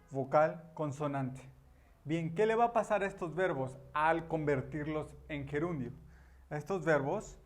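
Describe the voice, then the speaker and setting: Male teacher, slightly high voice, unhurried; explains grammar step by step, repeats key words. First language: Spanish. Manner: patient, repeats key words, many "ujú" and "ajá" fillers. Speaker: English teacher.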